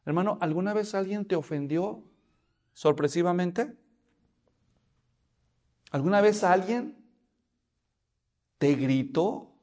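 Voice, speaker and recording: A man's voice: high-pitched, lively intonation, slow pace, pauses often, a little mellow. A man preaching a sermon, telling the story and asking the congregation questions. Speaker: pastor.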